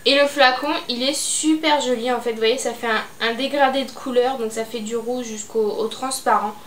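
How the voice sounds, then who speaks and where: This young adult beauty vlogger chats casually about her beauty and fashion purchases in a haul video, hesitating often and using lots of fillers. Her voice is a little high with a steady tone at normal speed. The room is echoey with faint noise.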